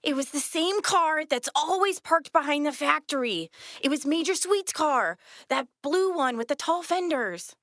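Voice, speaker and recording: An earnest 1950s schoolboy. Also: female voice, high-pitched, expressive, measured pace, a bit bright, no echo, studio quality. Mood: insistent. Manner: insistent, secretive. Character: earnest country boy Lonnie, 1950s schoolkid.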